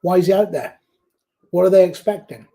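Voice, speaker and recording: A high-voiced man commentates on a live rugby match. He breaks down the play in a chatty way. He gets excited and shouts at the big moments. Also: brisk, creaky.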